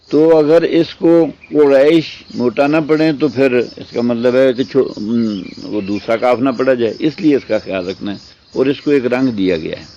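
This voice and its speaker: A man teaching a tajweed lesson. He explains step by step, asks and answers his own questions, and draws out the recited words slowly. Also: medium pitch, dark tone, muffled recording. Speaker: Quran teacher.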